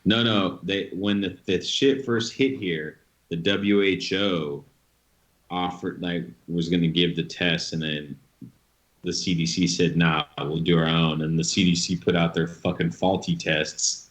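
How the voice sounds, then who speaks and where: A man's voice: low voice, steady tone, unhurried. A man co-hosting a casual live-stream chat, blunt and swearing freely. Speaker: co-host.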